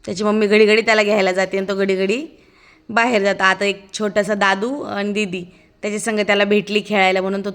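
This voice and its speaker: A woman's voice: medium pitch, fairly bright tone. A woman giving a chatty, amused running commentary as a casual vlog voice-over, narrating as the child's aunt.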